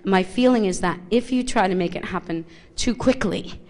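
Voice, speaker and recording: Before a live audience in a small theater, a woman works as a psychic medium, speaking into a handheld microphone and thinking aloud with many restarts. Her voice is medium-pitched and darkish, at a moderate pace.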